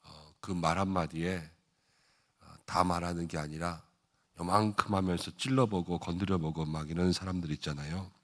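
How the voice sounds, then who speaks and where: Middle-aged male pastor, somewhat low voice; easygoing sermon delivery, asks the room questions, fills pauses with "uh.". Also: fairly even intonation. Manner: conversational preaching with frequent "uh" fillers and rhetorical questions. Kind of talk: early-morning prayer sermon.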